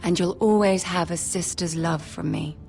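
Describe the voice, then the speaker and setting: An actress playing a poised, commanding noble lady in a video game drama, with a measured, courtly manner. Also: lowish voice, fairly even intonation, gravelly, darkish tone. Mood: gentle, guarded. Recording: music behind.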